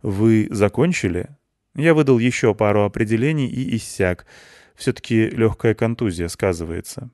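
A man with a low voice narrates a first-person audiobook in a wry, matter-of-fact way. The recording is dry and close, with no room sound at all. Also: moderate pace, darkish tone, no echo.

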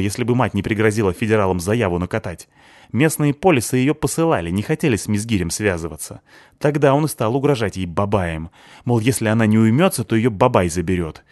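A man's voice: mid-range voice, darkish tone, dry recording, studio quality, pitched above the performer's own voice, lightly acted. Man voicing a snappy, angry teenage girl. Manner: snappy, rude, mocking. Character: sharp-tongued, angry eighteen-year-old girl.

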